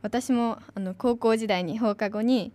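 A woman's voice: a little high, unhurried, dark tone, no room sound. A young woman from Kanagawa, an announcing student, giving a chatty free talk with many fillers. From Kanagawa, Japan. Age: young adult.

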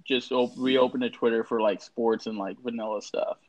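A young man in his twenties telling a funny story in a relaxed, animated way on a podcast. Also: mid-range voice, moderate pace, highs cut off. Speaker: podcast co-host. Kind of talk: casual storytelling.

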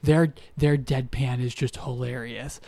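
A man's voice: medium pitch, fairly even intonation, unhurried, dark tone, no room sound. A man co-hosting a film podcast, talking loosely with fillers and restarts as he gives his views. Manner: rambling, hesitant, many fillers and restarts. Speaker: podcast co-host. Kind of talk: casual podcast chat.

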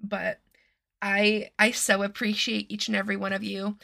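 A young Massachusetts woman hosts a laid-back true-crime podcast, chatting away and cursing freely. Her medium-pitched voice is monotone, gravelly and sharp at a normal speed, and it still sounds a little nasal and strained from being sick.

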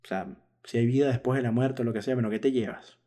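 A man in his thirties with a warm, relaxed voice hosts his own podcast. He thinks aloud in a loose, candid monologue at a middle pitch, chuckling at himself now and then. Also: fast. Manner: thoughtful, frank, laughs at himself. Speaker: podcast host. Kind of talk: casual reflective monologue.

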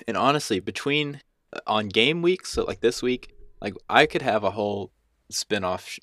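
A young man with a low voice talks loosely on a podcast. He rambles and pokes fun at himself, restarting his sentences often. His recording is dry and close, with no room sound. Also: fairly bright tone, dry recording. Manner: rambling, self-deprecating, many restarts and fillers. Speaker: podcast co-host and youth basketball coach. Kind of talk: casual podcast chat.

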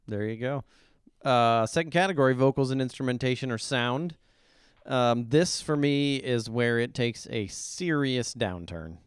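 Blunt middle-aged man, smooth dry voice. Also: mid-range voice, a little slow, dry recording. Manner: blunt, opinionated critic. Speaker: podcast co-host reviewing songs. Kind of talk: casual chat.

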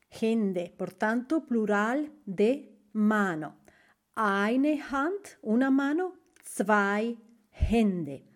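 A woman teaches German in a podcast lesson. She takes her time, says each German example slowly and deliberately, and explains with asides and self-corrections. Her voice sits a little high and her pace stays unhurried. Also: darkish tone.

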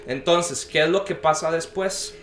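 A young man, a podcast guest, tells a story in casual conversation, animatedly acting out the voices of the people he quotes. His voice sits on the high side and he speaks unhurriedly. The recording has a roomy echo and a little hiss or hum.

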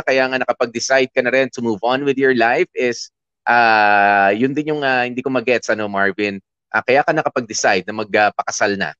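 A man's voice: mid-range voice, a bit bright, smooth, no room sound, muffled recording. A man hosting an advice show, chatting casually and reading listener comments aloud, with lots of filler sounds and English mixed in, nursing a sore throat. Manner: chatty, filler-heavy, mixes English into Tagalog. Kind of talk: casual chat.

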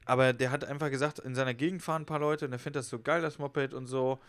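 Young man, podcast co-host, rapid slangy storyteller. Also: medium pitch, steady tone, a bit bright, clear, resonant tone. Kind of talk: casual podcast chat.

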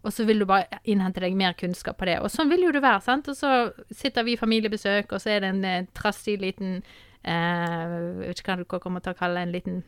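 Woman podcast host, casual rambling chat, smooth, dry. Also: mid-range voice, no echo. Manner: warm, rambling, repeats words and says "sant?" often.

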